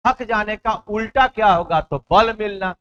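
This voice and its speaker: A man with a high-set voice runs an exam-prep vocabulary lesson. He explains in Hindi and slows down to read out English words and definitions. He keeps checking in with his students, and the recording sounds slightly dull and lo-fi. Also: a bit bright, clean tone.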